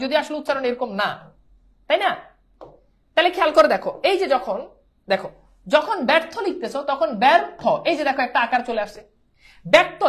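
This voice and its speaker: A Bangla teacher with a high, fairly bright voice runs a pronunciation lesson. She repeats herself and nudges her students to tell her whether they understand.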